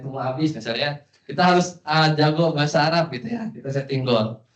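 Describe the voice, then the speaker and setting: Male lecturer, fairly high voice, chatty explaining tone, echoey hall. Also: muffled recording. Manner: explanatory, conversational with tag questions. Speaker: Islamic teacher. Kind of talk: religious study lecture.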